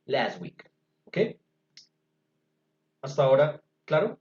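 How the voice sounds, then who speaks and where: A man's voice: mid-range voice, big pitch swings, takes it slowly, a little mellow. A man teaching an English class over a video call, explaining patiently step by step. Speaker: English tutor. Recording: echoey, dull video-call audio.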